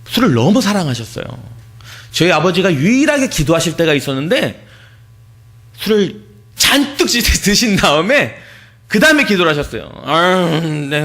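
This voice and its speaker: A male pastor preaching in church, his voice swinging widely in pitch. He tells a personal story with deep feeling. He drops to near whispers, then rises to shouts. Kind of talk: sermon.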